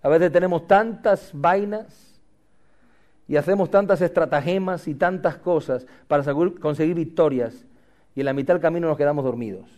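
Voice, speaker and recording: A man's voice: fairly high pitch, moderate pace, a little mellow, highs cut off. A male pastor delivering a dramatic sermon, with humorous asides and lines the congregation repeats back. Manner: dramatic, calls for congregation responses.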